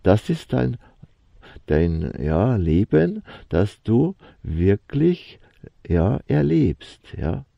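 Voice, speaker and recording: Slow, gravelly-voiced man giving a spiritual talk. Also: on the low side, very animated, dark tone, no echo. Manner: fills his talk with a questioning "ja"; slow, halting, searching for words. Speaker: spiritual teacher. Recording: dull lo-fi sound, dry and close.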